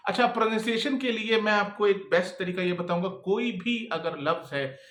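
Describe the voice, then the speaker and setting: A man with a high-sitting, fairly bright voice gives casual advice to camera for freelancers, at a normal speed. His talk is repetitive and keeps checking in with the listener, and the room sounds echoey.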